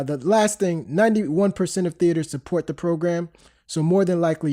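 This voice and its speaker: There's a dark tone to this man's slightly high voice as he hosts a podcast in his thirties, sounding congested from a cold. He chats casually and loosely, repeatedly restarting and dropping in fillers.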